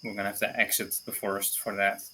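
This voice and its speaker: Bright-voiced man playing a tabletop game. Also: on the low side, flat delivery, fast talker, husky. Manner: restarts and repeats words. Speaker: player. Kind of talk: casual tabletop play.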